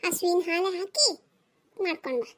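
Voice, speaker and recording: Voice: very high-pitched, quick pace. A grumpy cartoon husband. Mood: grumbling scolding. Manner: scolding, grumbling. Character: grumpy short-tempered middle-aged husband and father. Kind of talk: cartoon comedy voice acting.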